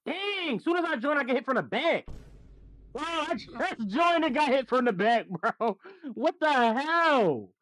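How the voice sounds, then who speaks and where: An American man playing an excitable teenage boy gamer in a casual comedy skit. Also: extremely high pitch, a little slow, no echo, full character voice. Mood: frustrated.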